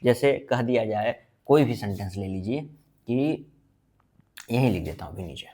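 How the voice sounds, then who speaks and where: A man giving a blackboard grammar lesson, asking questions and answering them himself, and slowly stretching out his example sentences. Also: fairly low pitch, animated, dark tone. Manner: drawn-out emphasis on example sentences. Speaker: English teacher.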